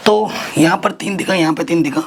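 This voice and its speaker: A man teaches math at a board, his voice sitting a touch high. He keeps asking his students each next step and then answers it himself. The recording carries steady background noise with the scratch of writing. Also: a little fast, gravelly. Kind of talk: whiteboard math lesson.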